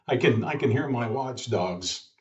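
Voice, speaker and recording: A man's voice: medium pitch, expressive, a little slow. An American man hosting a casual, opinionated chat in a folksy way, repeating himself for emphasis, recorded in a home basement. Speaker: show host. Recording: distant mic, dull muffled sound.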